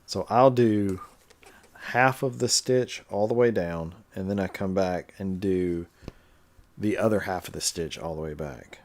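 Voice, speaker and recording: A man's voice: deep voice, measured pace. A man casually chatting on a livestream while stitching, explaining his steps and answering the chat. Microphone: webcam livestream setup.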